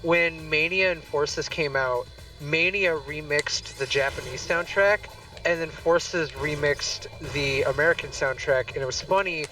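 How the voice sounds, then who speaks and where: A man's voice: a little high, measured pace, sharp tone, distant mic, soft background music, poor audio. A man streaming a game and chatting casually, rambling with many fillers. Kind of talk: casual chat while gaming.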